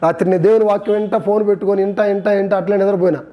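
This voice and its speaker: A man preaching a sermon with a high-pitched voice. He tells his points as lively stories and keeps turning to the congregation with questions, waiting for their answers. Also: very fast, muffled recording.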